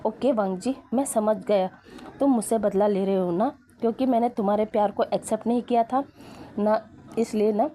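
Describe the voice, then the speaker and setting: A woman's voice: medium pitch, normal speed, warm tone, a little hiss or hum, natural voice. A woman voicing a theatrical young man who pleads and schemes. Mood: pleading.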